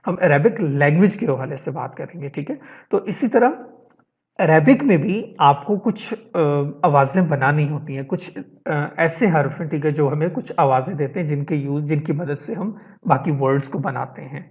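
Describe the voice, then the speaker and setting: A man's voice: on the high side, muffled recording. A man teaching an online lesson on reading, explaining step by step, checking in with his listeners and mixing English words into his talk.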